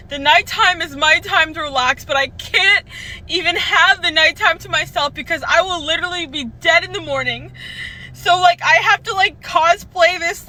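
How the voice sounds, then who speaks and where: A woman's voice: very high voice, bright, forceful tone, poor audio. A young woman in her twenties ranting in an exasperated, emotional way about her work week. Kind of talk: casual venting vlog.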